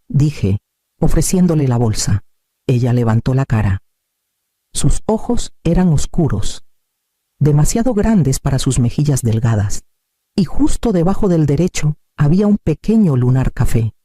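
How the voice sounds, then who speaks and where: Male storyteller, very dark tone, dry close sound, steady and measured delivery. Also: mid-range voice, no echo. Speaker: narrator. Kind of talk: scripted first-person narration.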